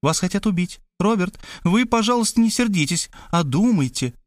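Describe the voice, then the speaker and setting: A man reading an audiobook, voicing a fussy, insistent middle-aged woman who talks fast and pushes her point. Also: high voice, expressive, fairly bright tone, dry recording, clean studio sound, pitched above the performer's own voice. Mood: pressing. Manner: rapid, pushy, matter-of-fact.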